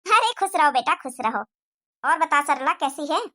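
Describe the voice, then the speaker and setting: A woman's voice: high voice, lively intonation, moderate pace, bright, forceful tone. A woman voicing an older, kindly aunt who speaks in a soothing, reasonable way in a cartoon moral story. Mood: calm.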